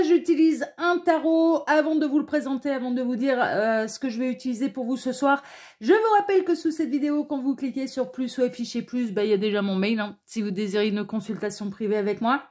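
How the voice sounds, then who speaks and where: A woman hosting her own channel, giving a casual tarot reading to camera in a chatty style full of fillers and restarts, sometimes dropping to a quiet murmur as she draws the cards. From France. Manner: chatty, many fillers and restarts, drops to a low murmur while shuffling. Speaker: tarot reader and channel host.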